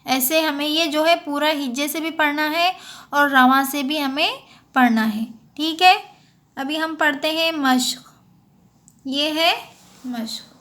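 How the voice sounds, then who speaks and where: A woman from India teaching a Quran reading lesson, spelling out syllables slowly and drawing them out, then explaining the rules quickly. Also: high voice, a bit bright. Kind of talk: slow spelled-out recitation lesson.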